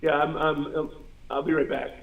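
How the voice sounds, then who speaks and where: A middle-aged man, a guest chatting casually on an online show through a quiet, distant-sounding tablet microphone. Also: a little high, little pitch movement, moderate pace, phone-quality sound. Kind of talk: casual chat.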